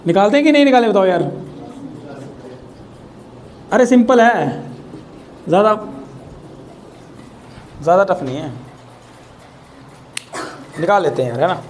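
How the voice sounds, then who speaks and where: A man's voice: high voice, expressive, measured pace, pauses often, slight background noise. Chatty male physics teacher, teasing class. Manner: chatty, teasing students with rhetorical questions.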